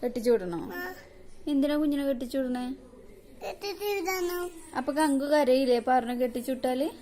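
A mother gently coaxing and questioning her crying toddler in a casual home video. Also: high-pitched, normal speed. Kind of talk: casual home video talk to a small child.

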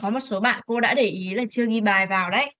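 A woman teaching an online English class, drawing out model words slowly for pupils to repeat. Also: medium pitch, a bit bright. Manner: slow drawn-out model words for repetition, coaxing. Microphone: video call. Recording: lo-fi video call audio.

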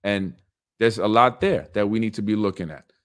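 A man in his thirties, with a lowish, fairly bright voice at a moderate pace, hosts a casual political livestream from a small room at home. He speaks earnestly, using many fillers and repeated phrases.

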